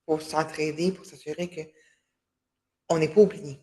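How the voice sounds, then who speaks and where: A deep, dark-toned woman's voice holds a steady tone at normal speed. She hosts a webinar for a women's enterprise organization and, in the workshop's closing remarks over video call, stumbles through many fillers and restarts.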